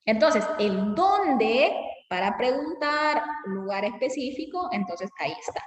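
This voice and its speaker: A woman with a Salvadoran accent teaching a grammar lesson alone in a classroom, chatty and expressive, using everyday examples. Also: a little high, a little slow. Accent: Salvadoran Spanish. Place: empty classroom. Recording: echoey classroom from a distance.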